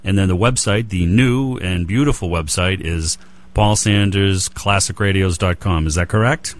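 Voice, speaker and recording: Deep-voiced Boston man hosting. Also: normal speed. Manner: rambling, many fillers and restarts. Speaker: radio show host. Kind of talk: casual interview chat.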